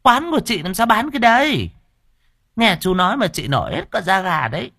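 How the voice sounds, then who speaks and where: A man's voice: high voice, big pitch swings, a little fast, creaky, sharp tone, breathy edge, dry recording, studio quality, pitched above the performer's own voice, full character voice. A man voicing a flirty, teasing middle-aged woman who runs a teahouse. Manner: teasing, sassy.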